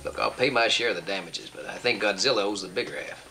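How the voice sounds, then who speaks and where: An actor playing a wry, easygoing American stuntman in a TV action drama, talking haltingly and dryly joking. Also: fairly low pitch, close to an everyday voice. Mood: uneasy, explaining. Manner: halting, wisecracking. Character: wry, easygoing stuntman who hunts bounties. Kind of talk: 1980s TV action drama dialogue. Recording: TV soundtrack with loud music.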